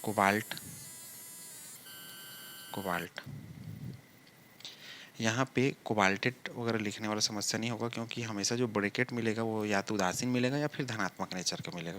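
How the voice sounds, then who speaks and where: A man's voice: lowish voice, a bit bright, slight background noise. A man teaching a chemistry lesson step by step, asking questions and answering them himself, drawing words out as he writes. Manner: drawls words out slowly while writing. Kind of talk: blackboard lesson explaining step by step.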